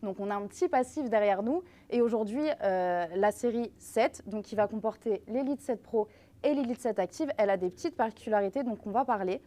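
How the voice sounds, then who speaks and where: A woman's voice: mid-range voice, a little fast, dark tone. A woman working as a brand representative, explaining things in a live product presentation and speaking directly to viewers.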